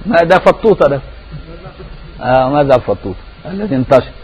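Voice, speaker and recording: With lively intonation and a darkish, mid-range voice, an Egyptian-accented man teaching as a Sufi scholar speaks a little fast, peppering his religious lesson with rhetorical questions to check understanding. The audio is dull, and faint music plays behind him.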